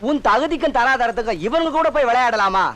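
An actor playing a nosy village shopkeeper in a film comedy, prying and teasing. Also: male voice, very high voice, animated, fast, fairly bright tone.

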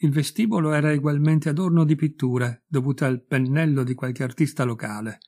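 A man narrating a short story as an audiobook reader, in a measured, clear storytelling delivery. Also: fairly high pitch, fairly even intonation, mellow.

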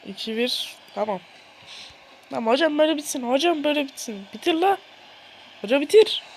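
Shouting excitably at the players, a gamer does playful mock commentary on their own football video game match despite a sore throat. The voice is high and fairly quick, with slight background noise.

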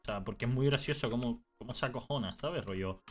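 A man's voice: medium pitch, soft background music. A young man with a Canarian accent, chatting casually and teasing while he plays a game on stream, telling stories with a lot of animation. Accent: Canarian Spanish. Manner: animated teasing storyteller, quick mood swings. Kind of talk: casual chat while gaming.

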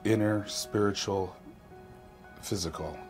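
Man patient, plain-spoken, deep voice, music behind. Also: fairly even intonation, slow, a little mellow. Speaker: clinic patient. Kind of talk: documentary interview.

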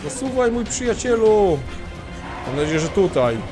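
A man doing let's-play commentary, excitable and swearing as he exclaims at the game. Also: high-pitched, normal speed. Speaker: gamer. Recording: voice over game music.

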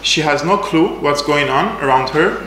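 In a small attic lecture room, a man in his thirties gives a slide talk, using fillers and slightly non-native phrasing. His voice is on the high side, bright and forceful at a normal speed, with a little hiss or hum. A distant camera with no visible mic records it, so the room sounds echoey.

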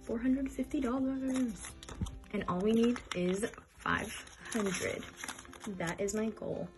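Young woman in her 20s counting bills out loud, chatty and a bit flustered, music going in the background. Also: a little high, slow. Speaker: budgeting vlogger. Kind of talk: casual cash-stuffing vlog.

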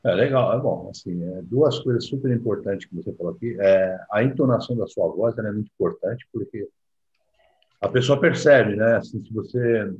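A man from Brazil co-hosting a talk, speaking in a relaxed, agreeing way. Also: lowish voice, normal speed, husky. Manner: relaxed, agreeing, explains with assim and né. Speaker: co-host. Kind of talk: casual discussion. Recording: dull lo-fi audio.

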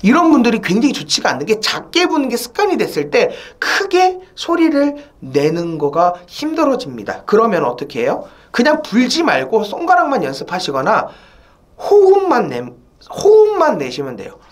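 Lively saxophone teacher, woman. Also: fairly high pitch, moderate pace. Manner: asks rhetorical questions, many "eo" and "mwo" fillers. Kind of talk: spoken video lesson.

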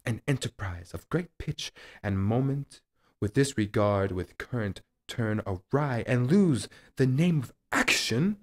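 A man playing Hamlet as a brooding, tormented prince in a theatrical Shakespearean monologue, deliberate, with dramatic pauses and dynamic swells. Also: mid-range voice, animated. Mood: anguished, intense. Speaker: actor.

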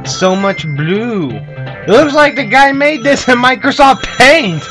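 Over video game music, a gaming video host delivers casual, sweary commentary, chatting informally with viewers as folks. His voice is very high, expressive and slow. The clip comes from an amateur camera filming a TV screen.

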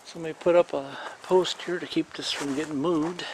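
A middle-aged man casually narrating a walkthrough of a building site outdoors, filming on a handheld camera and pausing often with fillers. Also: a little high, fairly even intonation, background noise. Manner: rambling, plain-spoken, pauses with fillers while filming. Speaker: vlogger documenting a house build. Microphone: handheld camera mic while walking.

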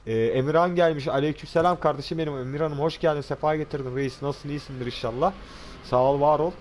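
A man's voice: a little high, quick pace, slight background noise. A young man hosting a live gaming stream, chatting with teammates and greeting viewers by name. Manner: lively, greets chat viewers warmly, laughs often. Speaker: streamer host.

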